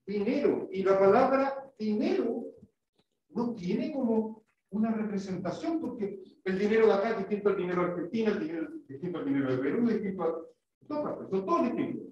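A man's voice: high voice, animated, brisk, a little mellow, a little hiss or hum. Male teacher in an echoey classroom. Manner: explains patiently, models pronunciation, quizzes pupils. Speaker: English teacher. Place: school classroom. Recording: echoey classroom, far from mic, dull.

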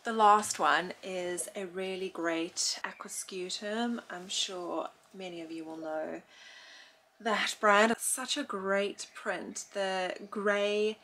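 A chatty woman in her thirties talks straight to a camera held at arm's length, showing off her finds with easy enthusiasm. Her voice sits at a middling pitch. A faint hum of street or boat noise sits behind her. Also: fairly even intonation, takes it slowly, pushed and bright. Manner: chatty, enthusiastic show-and-tell. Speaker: vlogger. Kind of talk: casual vlog chat to camera. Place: outdoors on a town street, then inside a small boat cabin. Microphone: handheld camera at arm's length.

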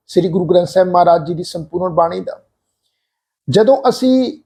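Speaking slowly and deliberately, a man teaches the congregation how to pronounce scripture correctly, repeating and drawing out syllables to show them and addressing everyone politely. His voice is high-pitched and mellow, and the explanation is patient and instructional.

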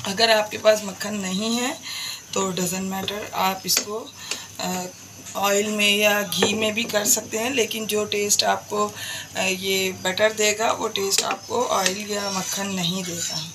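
A woman hosting a home kitchen cooking tutorial speaks slowly in a mid-range voice with little pitch movement, her Pakistani Urdu accent clear. She chats through each step and keeps pointing things out to viewers against a noisy background.

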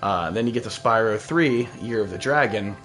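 A man's voice: on the low side, normal speed, a bit bright. A man in his thirties giving casual, slangy, rambling gameplay commentary as a streamer. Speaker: game streamer. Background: game music.

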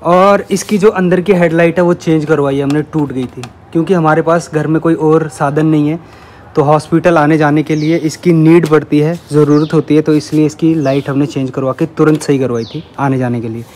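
A man's voice: fairly high pitch, fairly even intonation, moderate pace, a little mellow, slight background noise. A young man talking casually to camera in a vlog, chatty, showing viewers things around his home. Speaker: vlogger. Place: at home, indoors and by a parked bike.

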